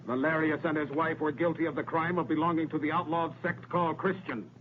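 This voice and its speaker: An actor playing a stern Roman imperial officer, speaking in a formal, official way in a dubbed historical film. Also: male voice, a little high, little pitch movement, a little fast, lightly acted. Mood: stern warning. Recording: tinny narrow-band old film soundtrack, noisy.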